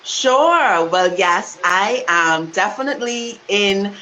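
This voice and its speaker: A Bahamian woman guest speaking about her advocacy work, warm, upbeat and articulate, on a video call. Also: medium pitch, expressive, takes it slowly, a little hiss or hum, poor audio. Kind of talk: interview talk.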